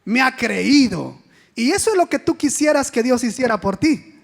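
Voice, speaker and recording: A woman preacher giving an animated sermon, putting rhetorical questions to the congregation and acting out the quoted speech. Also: high voice, brisk. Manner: acts out quoted speech in a dramatic way. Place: church sanctuary. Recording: long church reverb.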